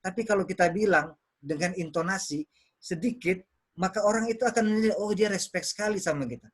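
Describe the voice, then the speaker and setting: Man, public speaking coach, slightly high voice, video call, explains with examples. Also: a little fast. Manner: explains with examples, repeats words to show intonation. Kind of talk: online workshop teaching.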